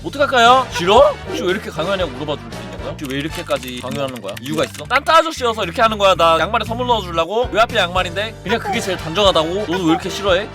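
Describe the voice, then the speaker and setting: A man streamer reading and reacting to chat messages live, mocking and loudly animated. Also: sits high. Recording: music playing behind.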